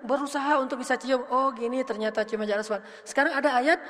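A woman's voice: high-pitched, fast talker, fairly bright tone. A woman religious teacher giving a casual, humorous sermon, chatting with and questioning her audience. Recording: echoey hall reverb.

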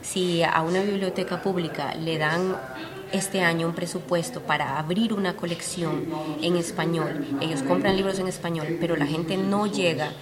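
Over loud music and the chatter of a busy fair crowd, a woman publisher from Honduras talks about her work in a conversational interview. She speaks earnestly at a moderate pace, her fairly low voice keeping a fairly even intonation.

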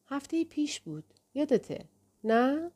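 A woman's voice: high voice, very animated, mellow, voice pushed up. Woman voices a proud young woman, insistent and pleading, a bit raised. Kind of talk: audiobook dialogue.

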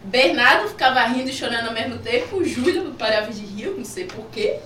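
A woman's voice: on the high side, lively intonation, fast, a bit bright, slight background noise. Giggly young woman, Bahian accent. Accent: Bahian Portuguese. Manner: giggly, rambling storyteller. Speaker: youth orchestra viola student guest. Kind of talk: casual chat. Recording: echoey room from far off.

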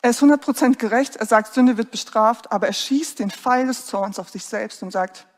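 A woman's voice: on the high side, brisk, big-room sound. A woman preacher giving an earnest, emphatic sermon and putting direct questions to her listeners.

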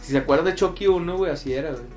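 A man's voice: fairly high pitch, a little mellow. A young man with a Mexican accent in casual chat, rambling and slangy as he tells stories. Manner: rapid, slangy, rambling storyteller.

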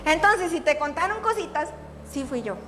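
Woman preacher, very high voice, animated storytelling, long church-hall reverb. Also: moderate pace, over music. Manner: animated storytelling with frequent laughter. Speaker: church speaker. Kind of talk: sermon.

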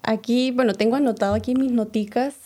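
Woman co-hosting, high and mellow voice, easygoing talk. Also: fairly even intonation, a little fast. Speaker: influencer co-host. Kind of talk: casual chat.

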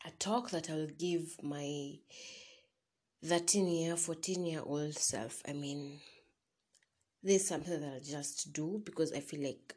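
A woman's voice: sits low, a little mellow, slightly rough. A young woman with a Kenyan accent hosting a podcast, chatting informally to listeners and slipping between English and Swahili slang. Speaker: podcast host. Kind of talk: casual solo chat to listeners.

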